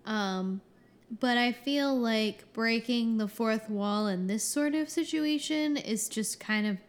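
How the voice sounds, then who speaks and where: A young woman talking on a panel podcast, slow and measured, hedging her views with care. Her voice is a touch higher than most women's. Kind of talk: casual chat.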